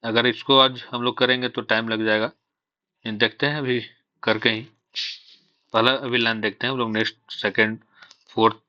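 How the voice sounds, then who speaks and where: A man with a bright, forceful, medium-pitched voice gives a classroom-style shorthand lesson. He mixes English terms into Hindi and explains patiently, asking himself questions and answering them in turn. There's no echo, and the highs are cut off.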